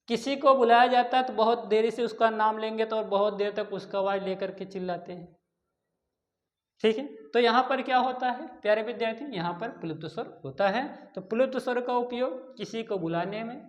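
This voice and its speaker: A man teaching a grammar lesson to exam students, repeating key terms slowly and asking and answering his own questions. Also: high-pitched. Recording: echoey room.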